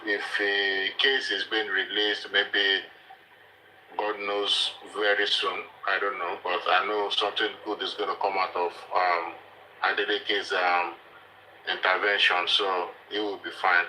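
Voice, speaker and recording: A man giving measured, hesitant commentary as a panelist in a live discussion. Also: deep voice, level tone, pushed and bright, poor audio. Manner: hesitant, halting, deliberate. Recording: faint background noise on live call.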